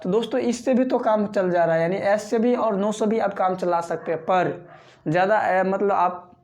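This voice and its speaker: A man from Bihar, teaching a spoken English lesson. He repeats example sentences slowly and keeps checking in with viewers as friends. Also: high-pitched, darkish tone. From Bihar, India. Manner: repetitive drilling, reads example sentences slowly.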